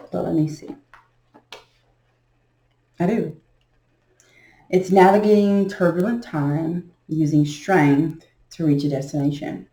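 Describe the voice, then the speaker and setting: A woman doing a casual tarot reading vlog, talking slowly and haltingly as she thinks aloud. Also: fairly low pitch, steady tone, dark tone, roomy sound, low-quality recording. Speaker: tarot reader.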